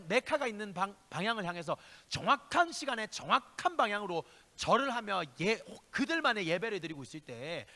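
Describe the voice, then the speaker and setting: A man with a very high, bright, animated voice preaches to young people in a church, pressing them with rhetorical questions. He moves between loud exhortation and hushed asides. The sound carries a long reverb from the sanctuary. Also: a little fast, hardly any pauses. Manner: speaks directly to listeners with rhetorical questions. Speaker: youth pastor. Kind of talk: youth sermon.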